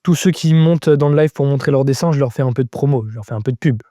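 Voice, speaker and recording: Mellow-voiced man teaching drawing live. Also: medium pitch, quick pace, no room sound, studio quality. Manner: thinks aloud while drawing, explaining step by step; answers chat viewers casually. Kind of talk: live-stream drawing lesson.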